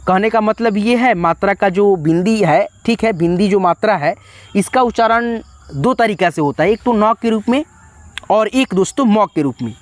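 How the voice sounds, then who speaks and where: A man teaching an online lesson, explaining step by step and slowing down to spell out letters one at a time. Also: high-pitched, dry recording. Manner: explains step by step, often saying "friends" and "okay".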